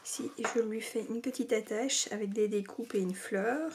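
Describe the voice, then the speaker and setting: Soft-spoken French woman showing crafts. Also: on the high side, moderate pace. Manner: hesitant, many fillers, drops to near-whispers. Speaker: scrapbooking vlogger. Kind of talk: casual craft show-and-tell. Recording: faint background noise and clicks.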